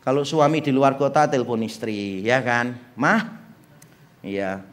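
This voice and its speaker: A middle-aged pastor preaches in a church hall, animatedly acting out little dialogues and joking with the congregation. His voice is medium in pitch and his pace normal.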